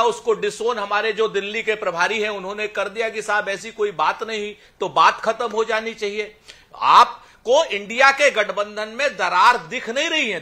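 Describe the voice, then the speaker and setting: A man with a high, bright, forceful voice argues as a party spokesperson in a televised debate. He is rhetorical and insistent, quoting verses and stacking repeated phrases for effect. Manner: rhetorical, recites couplets, emphatic and insistent.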